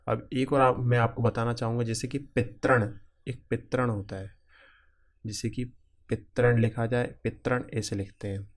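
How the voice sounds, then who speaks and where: A male teacher walks exam students through a grammar lesson at a plain middle pitch. He splits each word into its parts one at a time and checks in with the class again and again. His delivery is patient and repetitive. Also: little pitch movement. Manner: repetitive, keeps checking in with "ठीक है"; spells out word parts slowly, piece by piece.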